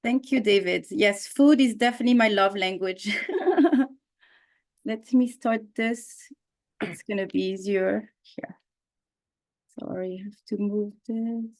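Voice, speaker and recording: A woman's voice: mid-range voice, steady tone, slow pace, pauses often. A woman from Switzerland giving a cheerful, chatty presentation on a video call. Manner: cheerful, chatty with little laughs. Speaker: guest speaker.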